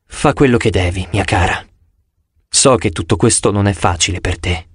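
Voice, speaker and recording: A man doing a gentle fatherly professor. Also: lowish voice, normal speed, husky, no room sound, studio quality, pitched below the performer's own voice. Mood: tender. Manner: soft, gentle, a little shaky. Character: flustered kind middle-aged professor father.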